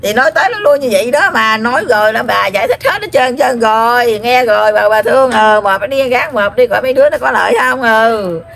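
A woman with a Southern Vietnamese accent speaks in trance, channeling an elderly grandmother spirit. Her voice sits a little high, and she scolds and rambles, circling back to the same points with drawn-out fillers, over a faint background hiss. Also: gravelly, fairly bright tone. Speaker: spirit medium.

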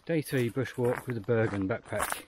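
Out on a bush trail, an Australian man vlogs casually about his pack, puffing on a climb and working through numbers out loud in a plain, matter-of-fact way. He has a medium-pitched voice at normal speed, and the outdoor recording is noisy.

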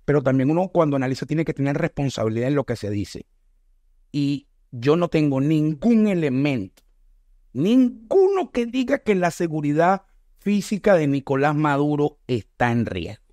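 A man's voice: on the high side, very animated, a little mellow, dry recording. Venezuelan guy, middle-aged, reacting to a video, earnest and emphatic, dry close mic. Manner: earnest, emphatic, speeds up and slows for stress. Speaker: political commentator reacting to a video.

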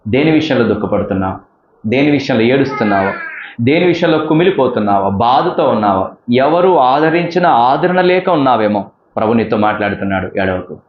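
A man's voice: mid-range voice, dull audio, a little hiss or hum. Fervent male preacher in a roomy hall. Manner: preaching with rising fervor, repeated appeals. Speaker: pastor. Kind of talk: sermon.

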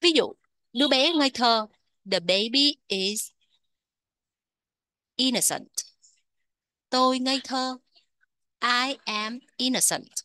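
A woman with a Vietnamese accent teaching English vocabulary, repeating each word slowly before explaining it. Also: fairly high pitch, animated, pushed and bright, no echo. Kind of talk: vocabulary lesson.

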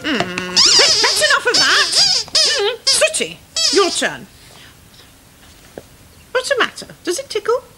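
Bossy, exasperated scout leader. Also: female voice, extremely high pitch, huge pitch swings, slow, long pauses, over loud music, heavily acted. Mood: instructing. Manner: bossy, patient, exasperated instructions. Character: brisk middle-aged female scout leader, fond but exasperated. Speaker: scout leader in a children's puppet show. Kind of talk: children's TV comedy acting. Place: outdoor garden set.

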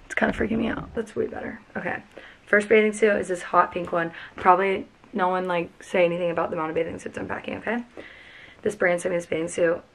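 This rough recording catches a young woman vlogging about packing from the floor of a messy bedroom, the camera set a few feet away. She talks fast in a lowish, creaky, fairly bright voice with a steady tone. Her manner is gushing and chatty, heavy on "like" and "freaking."

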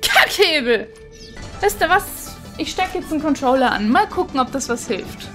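A woman giving casual gameplay commentary on a headset, excitable and swearing at the game. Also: high voice, brisk, soft background music. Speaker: let's play gamer.

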